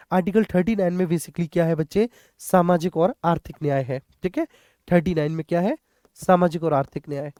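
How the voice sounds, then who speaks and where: The voice is a high, mellow male one, captured in a dry, clean studio recording. He teaches exam prep through questions and answers, addressing his students directly with check-ins, going over key points repeatedly, and mixing in English terms.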